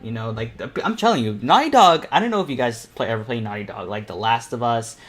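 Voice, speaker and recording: An eighteen-year-old self-taught artist hosts a painting panel, speaking at a middle pitch in an informal, conversational way like a live tutorial. Expressive and quick, he tends to ramble and think aloud as he paints.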